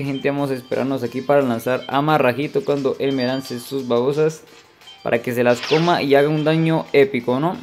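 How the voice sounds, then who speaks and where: Excitable Mexican man commentating gameplay. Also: mid-range voice, creaky. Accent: Mexican Spanish. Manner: chatty, excitable, keeps calling to viewers. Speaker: gaming channel host.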